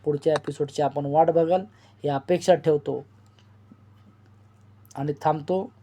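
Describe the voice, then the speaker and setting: Man with a higher, mellow voice. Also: steady tone, measured pace, a little hiss or hum. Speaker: storyteller, channel host. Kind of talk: reading a novel aloud.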